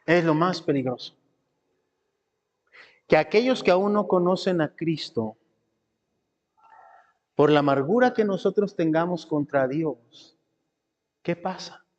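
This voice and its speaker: A male pastor delivering a sermon, breaking into high mimicking voices and stretching out phrase endings. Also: animated, slow pace, pauses often, darkish tone, dull audio. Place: church. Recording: reverberant church hall.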